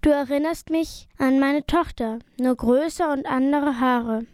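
A woman reading a story aloud, voicing a gentle old beggar man. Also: high voice, a little slow, dry recording, clean studio sound. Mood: wistful.

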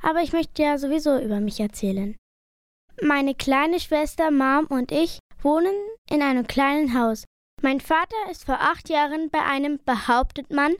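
A woman's voice: high-pitched, no echo, studio quality. A woman reading a first-person story aloud in a plain, uneven reading voice. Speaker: narrator.

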